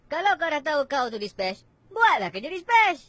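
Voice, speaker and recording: Sharp scolding woman boss. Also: high voice, very animated, moderate pace, no echo. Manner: scolding, sarcastic. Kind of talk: comedy sketch acting.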